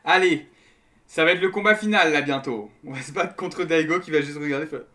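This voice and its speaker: Bright-voiced man commentating a game. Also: a little high, brisk. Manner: informal, slangy, talking to viewers. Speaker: gaming streamer. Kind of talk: casual gameplay commentary, reading game dialogue aloud. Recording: music behind the voice.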